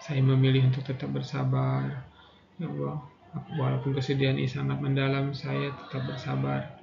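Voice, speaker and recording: Calm man guiding a prayerful tapping session. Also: medium pitch, moderate pace, music in the background. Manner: calm, repetitive guiding voice, says prayer affirmations. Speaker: EFT practitioner guiding a session. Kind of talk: guided tapping practice with spoken prayers. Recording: echoey room, dull lo-fi sound, clear background noise.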